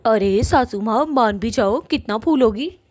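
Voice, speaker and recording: A woman's voice: a little high, a little slow, a little mellow, no room sound, studio quality. A woman voicing a pleading young witch bride in a cartoon story, in a whiny tone.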